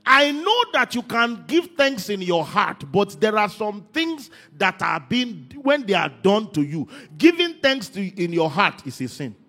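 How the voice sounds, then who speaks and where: A man preaching a sermon, moving from quiet talk to shouted, sing-song emphasis. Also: sits high, big pitch swings, a little slow, few pauses. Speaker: pastor.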